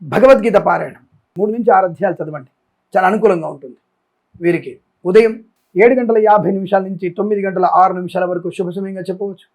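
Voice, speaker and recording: Fast-talking high-voiced male astrologer. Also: a little mellow. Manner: rapid listing, emphatic appeals. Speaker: astrologer and channel host. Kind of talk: daily horoscope reading.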